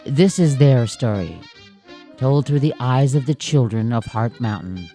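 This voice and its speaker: A woman reading scripted documentary narration in a calm, earnest way. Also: a bass voice, unhurried, faint music behind.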